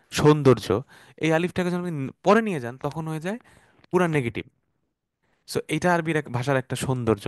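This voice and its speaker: A man's voice: fairly high pitch, no echo, studio quality. Patient male Arabic teacher. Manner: patient, repeats words slowly, mixes English terms. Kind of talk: explanatory online class.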